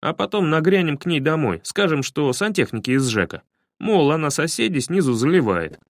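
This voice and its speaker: A brash, bossy young man, as a male narrator plays him, skeptical and sure of every plan he makes. He talks with commanding, scornful energy and lively pitch swings. The voice is recorded close and dry. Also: moderate pace, no room sound. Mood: confident.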